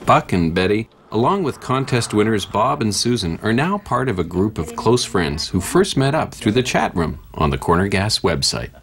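Lively low-voiced male news narrator. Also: moderate pace, few pauses. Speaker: reporter, narrator.

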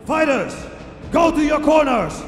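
A booming fight ring announcer stretches out each introduction at a slow pace. The voice is pitched extremely high and rings through a reverberant hall. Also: very animated. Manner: booming, drawn-out announcing of names. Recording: echoey hall with long reverb, music.

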